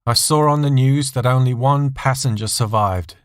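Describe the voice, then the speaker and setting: A man's voice: mid-range voice, moderate pace, smooth, no echo, clean studio sound, voice pushed up, natural voice. A man voicing a bitter, scornful wife in audio story dialogue, cutting and accusatory. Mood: bitter, cold. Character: bitter, scornful wife refusing all sympathy.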